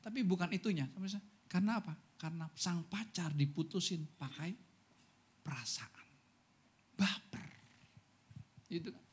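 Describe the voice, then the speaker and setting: A man pastor giving a Sunday sermon, telling stories with animated energy and often turning to address the congregation. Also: on the high side, unhurried, pauses often, husky.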